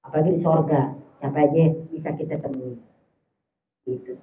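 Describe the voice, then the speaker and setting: A woman's voice: sits low, steady tone, moderate pace, background noise. A woman giving an informal religious study talk, chatty and affectionate with her audience. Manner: chatty, affectionate, calls listeners "sayang". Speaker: preacher. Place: mosque hall. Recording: echoey, dull hall recording.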